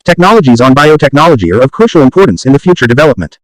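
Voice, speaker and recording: A man's voice: medium pitch, very animated, racing, no echo, poor audio. A man dictating standalone practice sentences, reading them aloud for an English test.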